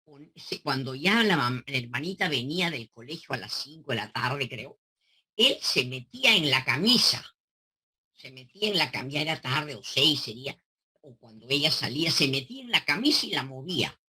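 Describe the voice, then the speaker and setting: A woman's voice: rumbling low, big pitch swings, moderate pace, sharp tone, slightly rough. A woman psychoanalyst explaining to a caller, teaching through examples and rhetorical questions. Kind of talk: explaining to a caller on a talk show.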